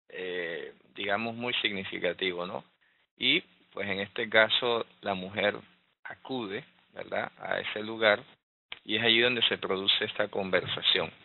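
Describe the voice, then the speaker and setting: Male Bible teacher, lowish voice, explanatory and unhurried, heard through a thin phone-like connection. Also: vocal fry. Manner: explanatory, frequent rhetorical "¿verdad?" and "eh" fillers. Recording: tinny phone-like line.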